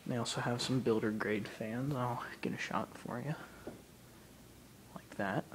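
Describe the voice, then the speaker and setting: A man talks casually while filming a condo's ceiling fans on a handheld camera, rambling and filling pauses with ums. His voice sits at an ordinary middle pitch, and a clear hiss of noise runs under the camera audio. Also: poor audio. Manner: relaxed, rambling with many ums. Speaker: ceiling fan video maker. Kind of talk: casual handheld video tour. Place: condo apartment indoors, then outdoors on a high balcony. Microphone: handheld camera mic.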